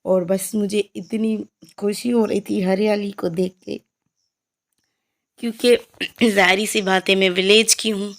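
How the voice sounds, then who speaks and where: A woman's voice: medium pitch, steady tone, measured pace, pauses often. A young woman narrating her vlog in a casual, chatty, meandering voice-over full of fillers. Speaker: vlogger.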